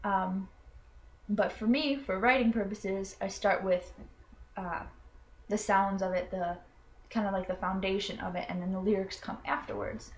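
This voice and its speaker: In a personal explanatory video, a young woman from Florida who attends college explains something earnestly and self-consciously, with frequent ums and restarts. Her mid-range voice holds a steady tone at a moderate pace. Slight background noise can be heard.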